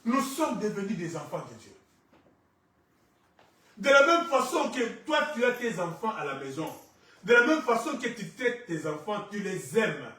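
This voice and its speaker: High, bright preacher in echoey hall. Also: male voice, sing-song, a little slow. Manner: preaching with shouted peaks and quiet drops, mixing in Lingala phrases. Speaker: pastor. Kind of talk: sermon. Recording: echoey church from far off.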